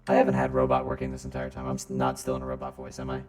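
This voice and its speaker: Male game master speaking through a robot voice filter; extremely low and droning, easygoing, teases players. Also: racing, loud music behind the voice. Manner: relaxed, teasing rules explanations. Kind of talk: running a tabletop game over voice chat.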